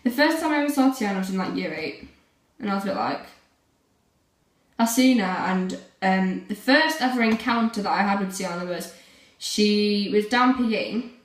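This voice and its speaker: A woman's voice: mid-range voice, animated, normal speed. A teenage girl chatting casually to camera in a rambling way, full of fillers. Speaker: vlogger. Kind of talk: casual vlog chat. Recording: roomy, from a distance.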